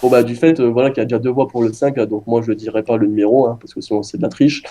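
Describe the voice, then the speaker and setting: A man's voice: medium pitch, steady tone, rapid-fire, dark tone. A man hosting a casual multiplayer farming game session, chatting with friends and addressing viewers, with many hesitant fillers. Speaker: gaming video host. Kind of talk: casual multiplayer gaming chat.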